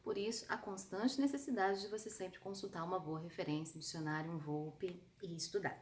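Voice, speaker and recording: A woman with a Brazilian Portuguese accent teaching an online spelling lesson, lively and chatty, calling her students "amor". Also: fairly low pitch, a little fast, reverberant.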